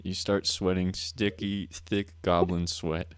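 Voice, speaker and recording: A man reading an AI text adventure aloud in a flat, low-key way. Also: takes it slowly, clear, resonant tone. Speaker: player narrating.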